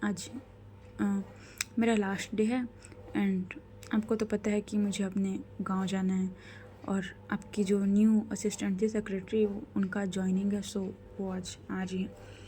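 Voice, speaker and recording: A woman's voice: mid-range voice, little pitch movement, unhurried, warm tone, a little hiss or hum, natural voice. A woman storyteller voicing a polite young secretary who speaks hesitantly and respectfully.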